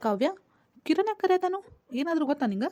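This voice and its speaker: A woman's voice: very high voice, big pitch swings, quick pace, warm tone, no echo, voice pushed up. A woman with a North Karnataka Kannada accent voicing a hesitant, lovestruck young coworker in a cartoon comedy. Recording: dull lo-fi dry recording.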